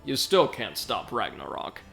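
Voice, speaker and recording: Gloating game tyrant, played by a man, theatrical and slowly menacing, sharp-edged voice over faint music. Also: on the low side, huge pitch swings, gravelly, pitched below the performer's own voice, exaggerated voice. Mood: taunting menace. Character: gloating male robot-empire villain, cruel, taunting, theatrical.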